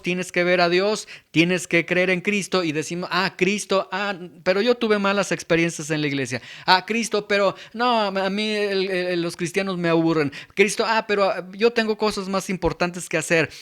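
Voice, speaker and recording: A man's voice: sits high, a bit bright. A man with a Mexican Spanish accent preaching a sermon, asking many rhetorical questions and acting out the voices he quotes.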